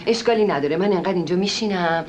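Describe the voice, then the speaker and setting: A woman's voice: on the low side, a little hiss or hum, lightly acted. An actress playing a pushy, doting middle-aged woman who insists on meeting a king, in a stage comedy with an insistent, fawning manner. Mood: pleading. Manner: insistent, fawning, sharp-tongued when crossed.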